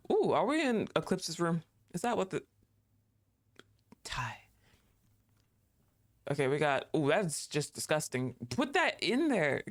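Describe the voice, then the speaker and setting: A streamer with a medium-pitched voice and vocal fry chats casually while playing a game, laughing a lot and talking back at the screen. They think aloud, full of fillers and restarts.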